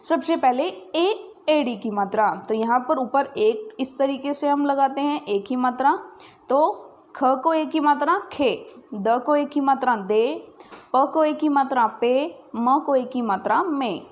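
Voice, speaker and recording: A woman's voice: high voice, slow pace. A young woman teaching a recorded lesson to small children, kindly talking to them directly and spelling out each word syllable by syllable.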